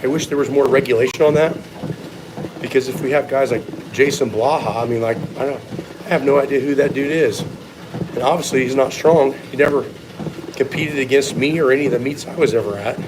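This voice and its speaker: Man, strength coach, casual Q&A chat, blunt and opinionated, mid-pitched voice, clear vehicle-like noise behind. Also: fairly quick. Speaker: strength coach answering viewer questions.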